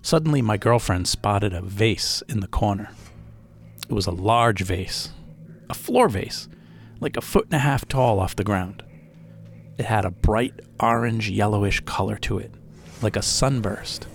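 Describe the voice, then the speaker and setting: A man's voice: lowish voice, unhurried, gravelly, slight background noise. A man narrating a first-person story as a podcast host, in a casual, chatty way with asides to the listener.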